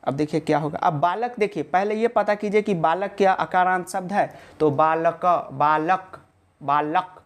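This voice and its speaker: A man's voice: high-pitched, normal speed. Chatty male teacher. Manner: asks questions and answers them himself; chatty and joking, reassuring students. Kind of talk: casual online video lesson.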